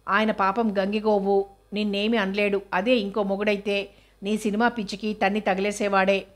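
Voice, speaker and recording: A woman's voice: mid-range voice, flat delivery, moderate pace, lightly acted. A woman reading the part of a young married elder sister who scolds firmly and protects her younger sister.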